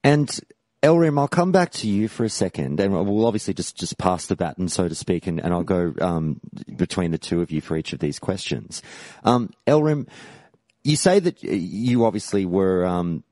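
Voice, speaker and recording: A man's voice: low-pitched, normal speed, no echo, studio quality. A man hosting a podcast, introducing callers in an upbeat presenter manner. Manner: lively, upbeat presenter delivery. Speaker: podcast host.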